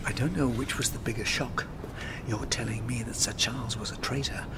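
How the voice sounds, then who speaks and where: An actor playing an earnest, decent older English doctor, a detective's questioning companion in a radio drama. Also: male voice, fairly even intonation, brisk, natural voice. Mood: puzzled. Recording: clear low rumbling background noise.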